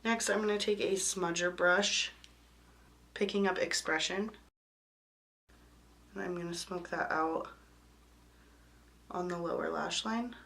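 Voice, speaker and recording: A woman's voice: fairly low pitch, fairly even intonation, takes it slowly, creaky, long pauses, a bit bright. A woman beauty vlogger with a sick voice, talking casually step by step through a makeup tutorial. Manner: casual step-by-step talk with many "I'm gonna". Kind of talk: makeup tutorial voice-over and chat.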